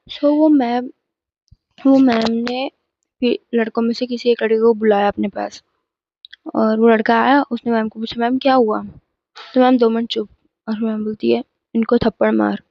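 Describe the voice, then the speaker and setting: Teen girl vlogger, emphatic storytime retelling, slightly high, dull dry home recording. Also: vocal fry, dry recording. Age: teens. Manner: chatty, emphatic retelling with frequent restarts. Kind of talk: casual storytime vlog.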